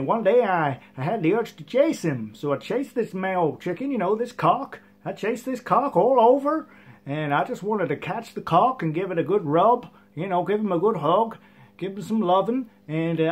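A man's voice: high voice, lively intonation, moderate pace, slightly rough. A man playing an earnest ghost hunter in a parody news interview, rambling, hesitant and repeating himself. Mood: earnest, reminiscing. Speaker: paranormal investigator guest. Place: TV studio couch.

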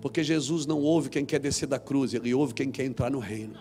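A Brazilian man preaching a sermon as a pastor, dramatic, swinging between quiet and loud. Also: mid-range voice, steady tone, fairly quick, soft background music. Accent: Brazilian Portuguese.

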